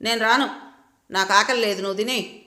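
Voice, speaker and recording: A woman's voice: mid-range voice, expressive, a little slow, fairly bright tone, reverberant. A woman voicing an irritated young husband. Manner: snapping, irritated.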